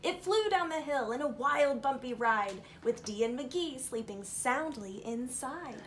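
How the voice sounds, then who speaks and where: A woman reading a children's picture book aloud with expressive, slightly informal storytelling. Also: high voice, measured pace, a little hiss or hum.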